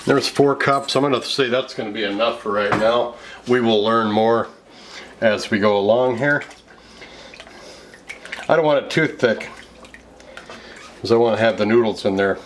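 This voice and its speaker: An American man in his fifties hosts a cooking show in a casual, explanatory way. His voice sits at an ordinary middle pitch. He is recorded in a home kitchen, with clear noise and clatter behind him. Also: moderate pace, long pauses, a bit bright. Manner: explanatory, conversational step-by-step narration. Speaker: cooking show host, chef. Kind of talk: casual cooking show host talking through a recipe.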